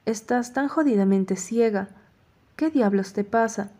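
A woman's voice: fairly high pitch, unhurried, dark tone. A woman reading an audiobook, voicing an angry, jealous young man who speaks in heated, accusing bursts.

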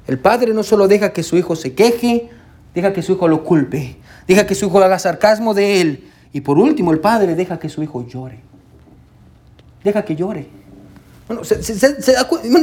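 A man preaching a sermon as a pastor, full of rhetorical questions and direct appeals to his listeners, slowing down to stress key words. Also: sits high, darkish tone.

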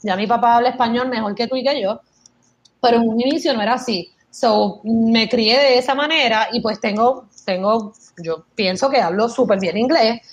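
Her voice is a little high and her pace normal, with the top frequencies cut off in the recording. A woman in her thirties from Puerto Rico with a matching accent, she's a podcast guest telling lively stories of her experience in Spanish laced with English words.

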